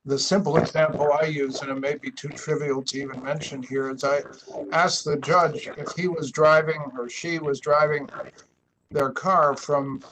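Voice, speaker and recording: Somewhat high-voiced man, hesitant committee member on a noisy, clicky call. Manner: hesitant, anecdotal, many fillers. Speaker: committee member asking questions. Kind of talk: discussion in a video meeting.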